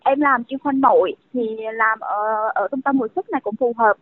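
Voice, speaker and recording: Young woman doctor on the phone, earnest and chatty, high-ish voice, thin dry phone sound. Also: moderate pace, no echo. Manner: earnest, conversational, many fillers. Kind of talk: phone interview. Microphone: telephone. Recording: tinny dry phone line.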